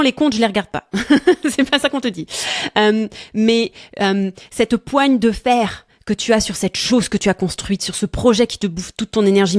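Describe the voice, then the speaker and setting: A woman talks through astrology in a relaxed, chatty way, often pausing and restarting as she searches for words. She sounds tired, laughs easily, and the sound is dry and close. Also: a little high, dry recording. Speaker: astrology coach co-host. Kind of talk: casual astrology talk.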